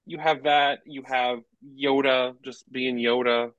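A man's voice: mid-range voice, steady tone, slow, a bit bright, dry recording, muffled recording. A man co-hosting a movie podcast in casual chat, rambling and restarting his sentences. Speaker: podcast co-host.

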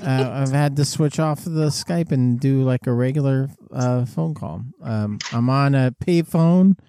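A man's voice: medium pitch, unhurried, dark tone, clean tone, no echo, clean studio sound. A man hosting a casual podcast chat, calling in over a payphone line from an airport. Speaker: podcast host.

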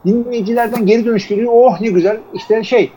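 A man's voice: high voice, fairly even intonation, quick pace, mellow, a little hiss or hum. A man co-hosting a podcast in a casual, rambling chat full of fillers, heard over a phone line. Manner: loose, rambling talk with many fillers. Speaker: podcast co-host.

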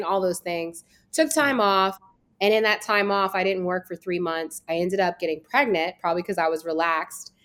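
A woman's voice: fairly low pitch, a bit bright. An American woman from Virginia, a travel business founder, talking as a guest in an interview in a chatty, storytelling way. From Virginia, USA. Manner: chatty, storytelling, frequent "like" fillers. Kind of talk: casual interview talk.

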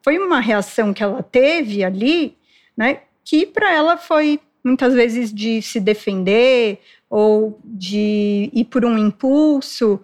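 A woman, a child development specialist, explaining calmly in a podcast conversation and acting out what parents say. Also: on the high side, slow pace. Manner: explanatory, acts out parents' lines.

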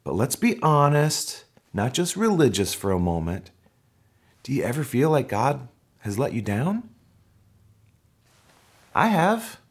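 A middle-aged pastor delivering a sermon to his congregation, his voice rising and falling in lively swings of pitch. He talks in a chatty, informal way and leans on rhetorical questions and quick asides. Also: slightly rough. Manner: conversational, animated preaching with asides and rhetorical questions.

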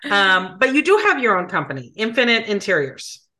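A woman's voice: mid-range voice, big pitch swings, brisk, bright, forceful tone. A woman hosting an interview in a casual, playful way, joking and laughing along with her guest. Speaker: host.

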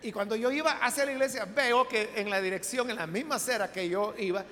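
A man's voice: sits high, a little fast, fairly bright tone, in a large hall, slight background noise. A male pastor, telling a testimony from the pulpit in a conversational storytelling way with frequent asides.

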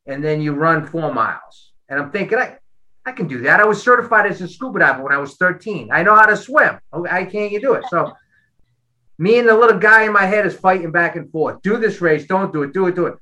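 Brief: man, high and very bright voice, animated guest telling a story. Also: a little fast, rough recording. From Boston. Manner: animated storyteller, repeats words. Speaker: guest athlete. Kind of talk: casual storytelling interview.

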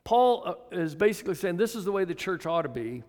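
A man's voice: high voice, big pitch swings, brisk, darkish tone. A man in his seventies preaching a sermon as pastor, folksy and chuckling, asking the congregation to answer back. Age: 70s. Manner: folksy, chuckling asides, calls for congregation response. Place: church sanctuary. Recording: long reverb of a church hall.

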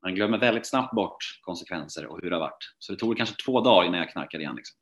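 A man's voice: deep voice, expressive, a bit bright. A man telling his recovery story in a casual, rambling way, full of fillers and restarts.

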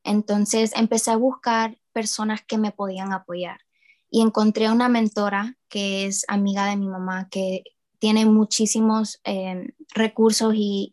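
Speaking as a guest in a casual interview, this young adult student and project founder from New Orleans, USA, uses a medium-pitched, slightly mellow voice with little pitch movement. Her pace is measured, and she stumbles with fillers and restarts.

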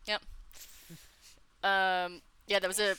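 A woman's voice: medium pitch, level tone, slow pace, pushed and bright, clear, resonant tone, no echo. A woman hosting a podcast, chatting casually, laughing often and swearing as she teases. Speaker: podcast host. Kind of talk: casual chat.

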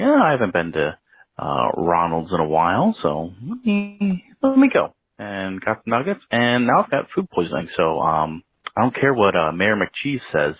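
A man's voice: low-pitched, husky, no room sound. A man leaving a voicemail for a show, rambling with many ums and uhs. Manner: rambling, lots of um and uh fillers. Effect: leaving a voicemail over the phone. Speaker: caller. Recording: tinny phone line voicemail.

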